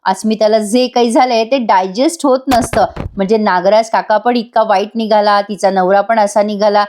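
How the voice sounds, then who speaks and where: A woman's voice: mid-range voice, fairly even intonation, normal speed, darkish tone. A woman giving a chatty voice-over review of a TV serial, talking straight to viewers and laughing often.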